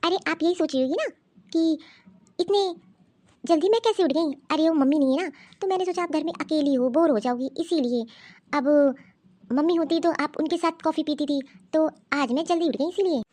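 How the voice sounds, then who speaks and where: A woman voicing a scheming, bossy young sister-in-law in an animated cartoon story, coaxing and ordering others about. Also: high voice, a little fast, close to an everyday voice.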